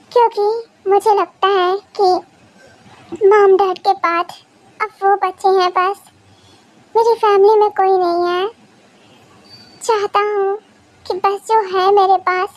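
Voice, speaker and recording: A woman playing a tearful, tender young husband. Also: extremely high pitch. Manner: soft, affectionate, emotional. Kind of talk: fan audio drama.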